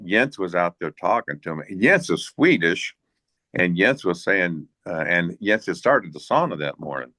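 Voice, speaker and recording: Guest storyteller: a low-voiced man, dry close sound, halting, full of restarts. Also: big pitch swings, pushed and bright, no room sound. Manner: rambling, halting delivery with frequent restarts and chuckles. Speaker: guest, hunting guide and bush pilot. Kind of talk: casual anecdotal storytelling in a Q&A.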